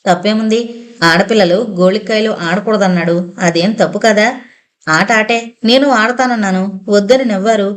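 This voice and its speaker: A woman's voice: mid-range voice, steady tone, natural voice. Woman reading as defiant little orphan girl. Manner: bold, quick retorts. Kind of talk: audiobook character reading.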